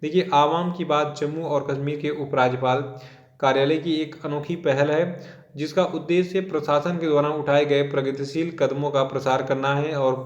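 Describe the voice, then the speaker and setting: A young man teaching current affairs for exam prep, explaining patiently and checking in with his students often. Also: fairly high pitch. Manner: explains patiently, repeating "dekhiye" and "theek hai". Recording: echoey room, dull lo-fi sound.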